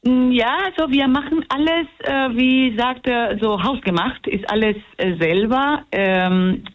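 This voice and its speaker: A woman's voice: fairly high pitch, measured pace, soft background music. Woman, musician guest, hesitant, searching for words, muffled lo-fi sound. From Puerto Rico. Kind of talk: radio interview.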